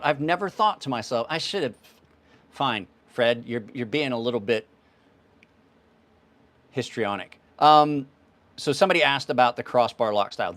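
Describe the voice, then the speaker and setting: A man in his fifties hosts a knife channel livestream, answering viewers' questions in a rambling, offhand, casual way. His voice is mid-range with a fairly bright tone.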